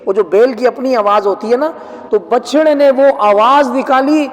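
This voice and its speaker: A man with a notably high voice retells scripture as a lively story, stopping often to ask his listeners whether they follow. His lecture rings with a long reverb, as if in a large hall. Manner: lively storyteller, asks listeners rhetorical questions. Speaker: Quran teacher. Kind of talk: storytelling Quran commentary lecture.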